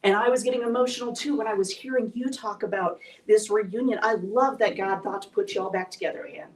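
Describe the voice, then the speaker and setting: Talking fast in a mid-range voice, a woman tells a live audience a candid and emotional personal story. The speaker event takes place in an event hall, and the recording has an echoey, distant sound.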